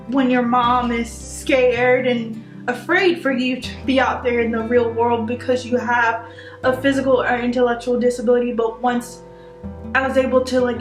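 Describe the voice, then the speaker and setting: A woman in her twenties from North Carolina, chatting openly in an interview, with frequent pauses to gather her thoughts. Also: fairly high pitch. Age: 20s. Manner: chatty, open, fond of fillers. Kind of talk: personal interview. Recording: roomy room with soft guitar.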